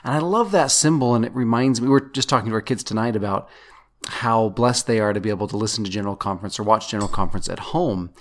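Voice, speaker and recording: Low-voiced playful man co-hosting a podcast. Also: fast. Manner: playful, mock radio-announcer voice at times. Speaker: podcast co-host. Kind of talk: casual scripture podcast chat.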